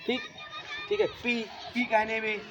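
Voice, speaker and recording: A man's voice: high-pitched, wildly swooping pitch, takes it slowly, music in the background, a crowd in the background, poor audio. A man teaching a classroom grammar lesson, repeating points and asking his students questions. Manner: repetitive, asks students questions.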